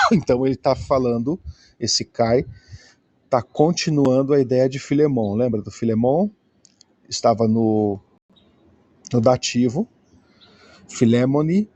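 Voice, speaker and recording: Slow, patient Brazilian man teaching. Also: mid-range voice, a little mellow, no echo. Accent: Brazilian Portuguese. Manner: patient, checks in with "né?" often. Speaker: Greek teacher. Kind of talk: slow, explanatory lesson.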